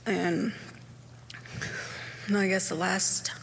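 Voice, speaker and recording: Woman from hoopa talking at a meeting, flat gravelly voice, rambly but blunt, echoey hall. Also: lowish voice, very slow, slight background noise. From Hoopa, Northern California. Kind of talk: public comment at a meeting.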